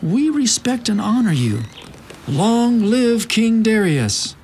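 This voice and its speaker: Animated scheming male court official, played by an actor. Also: high voice, takes it slowly, heavy background noise, heavily acted. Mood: fawning. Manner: theatrical, sly, obsequious. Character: scheming, flattering male royal official in a Bible drama.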